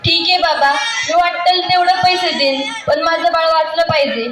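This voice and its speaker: A woman's voice: very high voice, steady tone, moderate pace. A woman playing an anxious young village mother who pleads and cries in a drama. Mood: pleading. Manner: pleading, crying. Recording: echoey room, distant mic, noisy.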